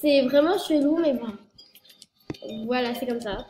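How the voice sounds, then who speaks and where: A French girl in her early teens, a youtuber, rambles through a casual vlog full of fillers and self-corrections, her nose stuffed up from a cold. Her voice sits high but dark in tone and a little slow, recorded in an echoey room with faint noise.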